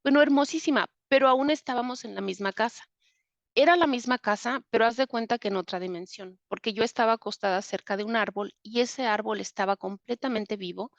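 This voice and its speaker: A woman's voice: a little high, fairly quick, no echo, muffled recording. A woman with a Mexican accent, a guest recounting a personal experience in vivid detail, with frequent fillers and restarts. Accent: Mexican Spanish. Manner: vivid retelling with many fillers. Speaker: interview guest. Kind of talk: personal storytelling.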